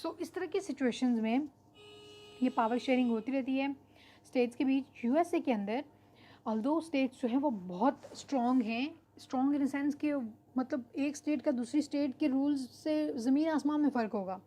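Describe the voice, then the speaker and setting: A woman teaching an online class. Her voice sits fairly high yet sounds mellow and warm. She explains in an unhurried way and pauses on fillers. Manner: explanatory, mixes English terms into Hindi-Urdu, frequent fillers. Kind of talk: online lecture.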